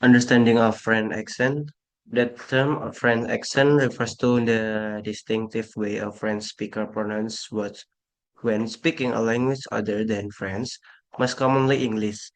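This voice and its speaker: A man's voice: medium pitch, poor audio. A man student presenting a class talk, reading notes with hesitant restarts.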